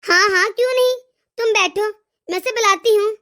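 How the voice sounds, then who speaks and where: A woman voicing an older mother in an animated moral story, doting and full of blessings. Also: very high voice, normal speed. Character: older mother, affectionate to her daughter.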